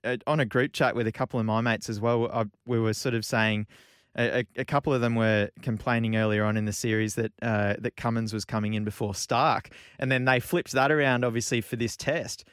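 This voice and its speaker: A man's voice: mid-range voice, steady tone, a little fast, fairly bright tone, clean tone, dry recording, clean studio sound. A man hosting casual sports chat, hesitant, often stammering as he restarts. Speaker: cricket podcast host.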